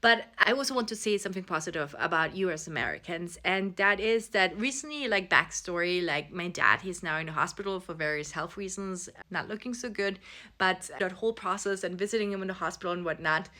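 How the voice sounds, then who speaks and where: A woman's voice: lowish voice, brisk, bright, forceful tone. A woman from Vienna, telling a casual storytime to camera in an earnest, reflective way and speaking straight to her viewers. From Vienna, Austria. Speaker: social media creator.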